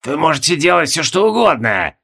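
Gravelly, rude possessing sorceress read by a man, bored and cutting, audiobook villain. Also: fairly high pitch, very animated, moderate pace, sharp tone, pitched above the performer's own voice, exaggerated voice.

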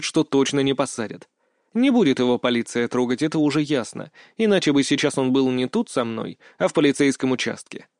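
A man narrating a first-person audiobook in a measured, wry storytelling manner. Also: mid-range voice, no echo, clean studio sound.

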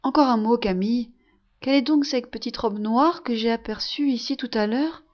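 A woman's voice: on the high side, moderate pace, dull audio, lightly acted. A woman reading a sick young man pleading. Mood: insistent. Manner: eager, calling out to his mother.

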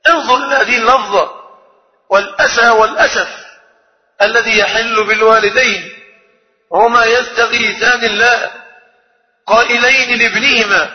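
A man's voice: very high-pitched, steady tone, normal speed, long pauses. A man teaching a religious lecture, speaking emphatically and posing rhetorical questions to his listeners. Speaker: Quran teacher. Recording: long reverb, dull lo-fi sound.

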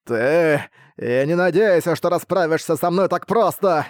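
A man voicing a gloating monstrous male spider mage boss who shouts and cackles, in a dry recording. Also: fairly high pitch, expressive, a little slow, no echo, pitched above the performer's own voice.

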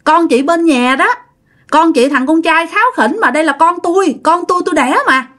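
A woman's voice: very high-pitched, a little fast, a bit bright, pitched above the performer's own voice. A woman voicing an angry village mother who shrilly scolds the couple who marked her baby. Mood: indignant.

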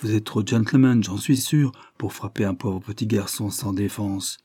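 Scheming busybody woman, read by a male narrator, whining and hushed, husky. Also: lowish voice, moderate pace, dry recording, clean studio sound. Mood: wheedling. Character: sly spiteful scheming woman, feigning innocence.

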